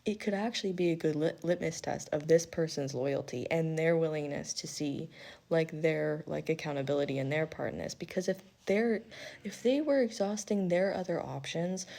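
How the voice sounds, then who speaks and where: A woman with a deep, creaky voice and a dark tone talks at a moderate pace. She's a tarot-style spiritual reader and host giving a casual intuitive reading, blunt and profane and chatty, animatedly acting out quotes as she advises.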